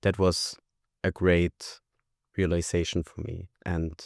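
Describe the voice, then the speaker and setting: Brief: young man, English, very low warm voice, smooth and dry, measured and hesitant. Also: little pitch movement, no room sound. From Austria. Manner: thoughtful, hesitant with fillers. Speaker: graduate guest. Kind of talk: interview answers.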